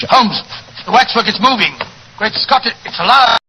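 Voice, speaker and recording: An actor playing an anxious, loyal gentleman doctor, flustered and earnest, in 1940s radio acting style on an old recording. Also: very high-pitched, lively intonation, moderate pace, highs cut off, heavy background noise. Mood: alarmed.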